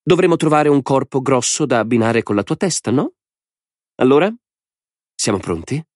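A man's voice: medium pitch, animated, moderate pace, a little mellow, no room sound, studio quality, voice pushed up, lightly acted. A man voicing a gleeful, mad male lord in an audiobook, a theatrical villain who talks in a mocking, sing-song, grand way. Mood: gleeful menace. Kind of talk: audiobook character voice.

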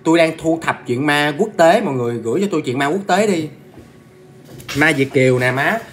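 His voice is a little high and fairly bright, expressive and a little fast. As host of an easygoing ghost-story livestream, he eats while talking and keeps up a chatty conversation aimed right at his viewers.

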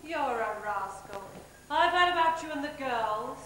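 A young English actress playing a genial, restless young prince in a stage pantomime, projecting every word in a declamatory style. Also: female voice, high-pitched, animated, a little slow, fairly bright tone. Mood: hearty, commanding. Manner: declamatory, carefully enunciated. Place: large theatre stage, far camera. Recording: echoey, noisy theatre videotape.

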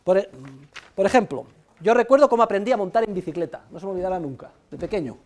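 A middle-aged man from Spain with a Spanish accent, giving a university economics lecture in a classroom, lively, repeating key points and tagging phrases with a questioning "eh". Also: sits high, fast talker. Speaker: economics professor.

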